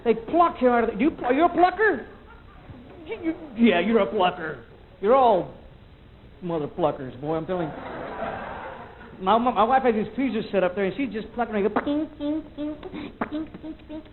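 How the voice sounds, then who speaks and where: A man's voice: high-pitched, expressive, brisk, long pauses, slight background noise. A man performing a stand-up comedy set, rambling and loose, acting out little sound effects and voices. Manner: rambling, loose delivery, mimics sounds and people. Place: comedy club stage. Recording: lo-fi VHS tape recording.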